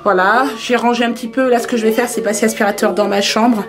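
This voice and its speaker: A woman chatting casually about daily family life as a vlogger, with a gravelly, creaky voice. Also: a little high, fairly even intonation, fast talker, over music. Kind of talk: casual vlog chat.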